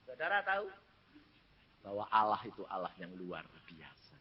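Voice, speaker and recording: A man's voice: fairly low pitch, wildly swooping pitch, moderate pace, husky. A man in his eighties with a Javanese accent, preaching a storytelling sermon and acting out the voices in his stories. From Central Java, Indonesia. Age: 80s. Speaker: evangelist preacher. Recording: dull lo-fi sermon recording.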